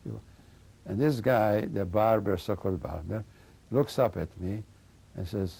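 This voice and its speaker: An older man giving oral history testimony, halting as he searches for words and often adding "you know.". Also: lowish voice, vocal fry, dark tone, slightly rough. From Slovakia and Hungary. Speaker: interviewee recounting memories.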